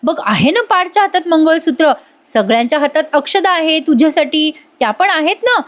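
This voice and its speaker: A woman voicing an elderly male priest who speaks in a calm, unhurried, soothing way. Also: high-pitched, voice pushed up. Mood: amused.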